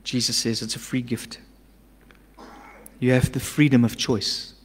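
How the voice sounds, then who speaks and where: A middle-aged man preaching a sermon from a church stage into a stand mic, emphatic, swinging between urgent loud lines and hushed asides. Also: medium pitch, little pitch movement, measured pace. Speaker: pastor. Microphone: stand mic at a pulpit. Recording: long church-hall reverb.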